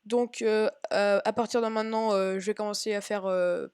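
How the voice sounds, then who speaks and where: A woman talking casually through a game tutorial on her own microphone, halting and correcting herself as she explains. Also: mid-range voice, steady tone, darkish tone, clear, resonant tone, no echo, clean studio sound. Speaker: Minecraft tutorial maker. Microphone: own home microphone.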